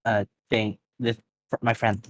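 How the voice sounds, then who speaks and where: A man running a tabletop role-play game as game master, narrating in a halting, hesitant way with fillers. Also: fairly low pitch, level tone.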